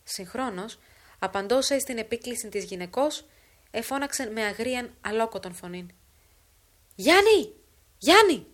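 Woman reading a solemn literary tale. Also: a little high. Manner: measured, solemn reading of an old literary text. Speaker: narrator. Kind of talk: dramatic audiobook reading.

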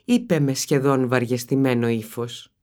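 Expressive audiobook narrator. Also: mid-range voice. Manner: expressive, storytelling. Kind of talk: scripted narration of a children's novel.

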